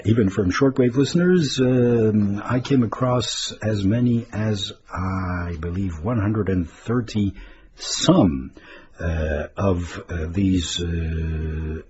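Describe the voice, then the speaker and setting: A man with a low voice reads radio listener mail slowly, commenting in a chatty, hesitant and meandering way with asides. The recording is dull lo-fi radio with faint noise, and crowd noise can be heard.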